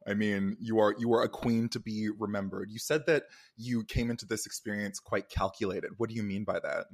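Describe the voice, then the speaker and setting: Campy, effusive male host, lowish voice. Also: fairly even intonation, a little fast. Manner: effusive, campy, uses endearments. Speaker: podcast interviewer and host. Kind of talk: conversational recap interview.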